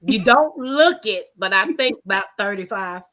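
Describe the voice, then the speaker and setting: A woman's voice: medium pitch, animated, normal speed, fairly bright tone. A woman in her forties hosting a casual live-stream chat, playful and teasing, laughing often. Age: 40s. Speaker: host.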